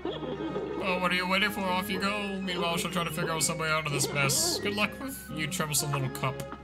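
A man's voice: sits high, fairly quick, loud music behind the voice, voice pushed up. A man doing a kindly old kettle, talking into a cup. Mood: worried, urging. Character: wise, fretful old kettle grandfather. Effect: voice muffled by talking into a cup. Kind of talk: reading a game's story text aloud in a character voice.

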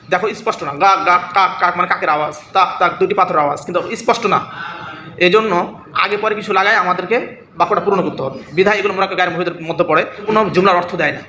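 A man's voice: high-pitched, sharp tone, roomy sound, slight background noise. A man teaching Arabic grammar in a classroom lesson, repeating points, mimicking sounds and checking that his students follow. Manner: repetitive, checks students' understanding.

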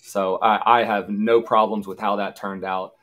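A man's voice: on the low side, little pitch movement, measured pace. A man in his thirties, a former college football punter, telling easygoing anecdotes in a casual interview. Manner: easygoing, anecdotal, acts out quoted shouts.

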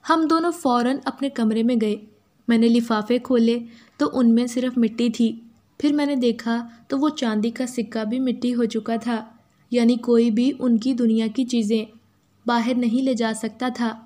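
A woman with an Urdu accent narrates a first-person story in a steady, even manner. Her voice sits on the high side and she reads at a normal speed.

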